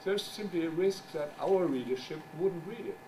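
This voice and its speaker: A journal editor whose native tongue is German gives a halting conference presentation, groping for words and making wry asides. His voice is on the high side with lively intonation. Recorded from afar in a conference room, the audio carries background noise.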